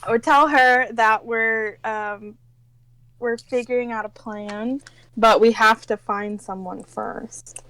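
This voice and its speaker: A woman playing in a casual tabletop role-play, excitable and laughing often. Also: a little high, slow pace, dry recording, poor audio. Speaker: player.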